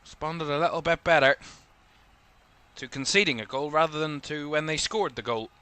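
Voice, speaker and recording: A young man with a Northern Irish accent giving live play-by-play commentary on a football match, calling the action quickly and lifting his voice at attacking moments. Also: a little high, bright, forceful tone, clear, resonant tone.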